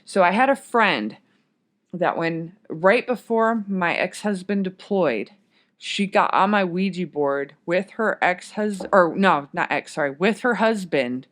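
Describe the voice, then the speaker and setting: A woman's voice: lowish voice, lively intonation, unhurried, fairly bright tone. Woman on a podcast rambling thru her story, keeps going off on tangents. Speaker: podcast guest. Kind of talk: casual storytelling. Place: podcast studio.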